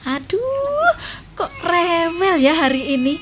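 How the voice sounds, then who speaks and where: A woman's voice: very high-pitched, takes it slowly, heavily acted. An actress playing an older Javanese grandmother who frets and coaxes a crying grandchild in a family drama. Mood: fretful coaxing. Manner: fretful, coaxing, chatty. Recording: steady background noise.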